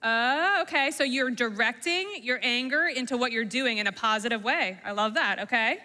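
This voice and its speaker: A woman's voice: fairly high pitch, normal speed, bright, forceful tone. A woman talking to a middle school class, drawing them in with questions and simple examples. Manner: engaging, asks the class questions. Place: school room or hall, long echo. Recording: reverberant hall sound.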